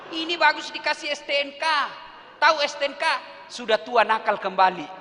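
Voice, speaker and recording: A woman's voice: high-pitched, animated, fairly quick, sharp tone, pitched above the performer's own voice. A male preacher voicing a cheeky old woman who defends herself brashly, heard with a long hall reverb.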